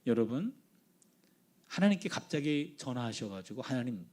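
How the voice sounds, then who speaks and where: A husky-voiced man of about sixty preaches a sermon, his pitch lifting and dropping a lot as he goes. He keeps the talk lively by acting out the phone calls in his stories, switching between the voices on both ends of the line. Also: moderate pace. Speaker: guest preacher, professor. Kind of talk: sermon with storytelling.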